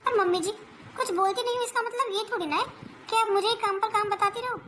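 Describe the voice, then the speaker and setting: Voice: very high voice, fast, sharp tone, slight background noise. A performer voicing an overworked young daughter-in-law who argues back about her chores, in a family comedy skit. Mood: arguing. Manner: argumentative, whiny pleading.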